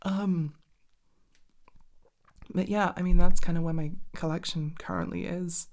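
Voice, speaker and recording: Fairly low and darkish, her voice stays steady and runs a little slow. A hobbyist ASMR creator, she rambles with enthusiasm and curses, hesitating as she wanders off topic.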